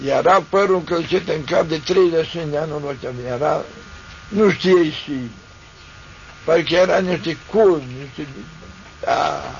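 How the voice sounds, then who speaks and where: An older man, an Orthodox priest, telling listeners a vivid, rambling story with many repetitions, on a dull lo-fi recording. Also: fairly high pitch. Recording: dull lo-fi recording with faint noise.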